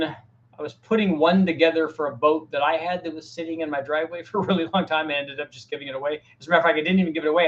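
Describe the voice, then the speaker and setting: Recorded in muffled audio, a man with a slightly high voice answers technical questions from his viewers during a relaxed live Q&A. He's middle-aged, speaks plainly, and tends to begin sentences again, all from a home workshop with a fan going.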